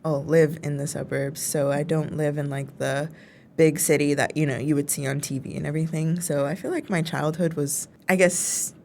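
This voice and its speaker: A woman's voice: deep voice, steady tone, moderate pace, gravelly, a little mellow, a little hiss or hum. A young woman in her twenties from the Chicago suburbs, co-hosting a casual chat and filling her talk with "like". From Chicago suburbs, United States. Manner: chatty, heavy use of filler "like". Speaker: co-host.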